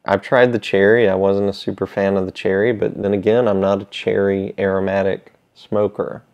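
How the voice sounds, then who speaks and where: A middle-aged man with a fairly low voice talks casually to camera with a pipe in his mouth. He rambles in a laid-back, halting way, pausing often. The sound is slightly dull, recorded in a small room. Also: flat delivery, a little mellow. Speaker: pipe tobacco seller. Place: small indoor room with shelves.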